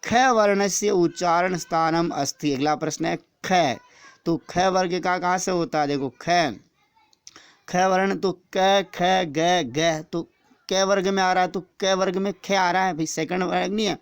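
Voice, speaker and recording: Gravelly male teacher, exam drills. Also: high voice, steady tone, unhurried, no echo. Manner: explains step by step, repeats answers, asks and answers his own questions. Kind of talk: exam-prep grammar lesson.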